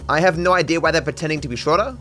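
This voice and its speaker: A man reads scripted comedic narration over video game footage, dry, mock-serious and sarcastic, with music beneath him. His voice is on the high side, fairly bright, and very fast.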